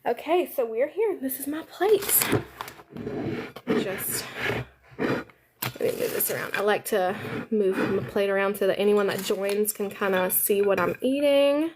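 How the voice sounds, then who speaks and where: A woman's voice: mid-range voice, expressive, unhurried, background noise. A woman, chatting upbeat with live viewers while she eats lunch. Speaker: live-stream host. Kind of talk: casual live-stream chat while eating.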